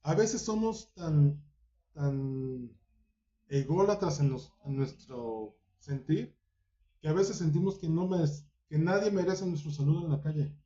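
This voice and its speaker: A man delivers a Bible study sermon in a very dark, mellow voice pitched a little high. He keeps asking his listeners direct questions and slips into the voices he quotes. The recording is roomy and dull, with a lo-fi edge. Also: measured pace. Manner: asks listeners many direct rhetorical questions; acts out quoted voices within the teaching. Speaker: preacher.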